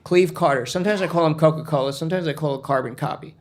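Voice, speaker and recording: A man's voice: on the high side, rapid-fire, voice pushed up, natural voice. A man voicing a chatty, innocent young boy who rambles eagerly. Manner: eager, rambling, wide-eyed.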